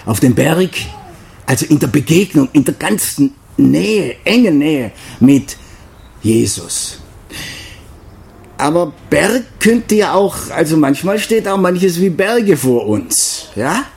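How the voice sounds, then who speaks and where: An older man gives a devotional talk in a fairly high, gravelly voice. His pitch moves a lot as he preaches earnestly. He slows down and stresses the words that matter most. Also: very animated, a little mellow. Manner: earnest, with slow emphatic stresses.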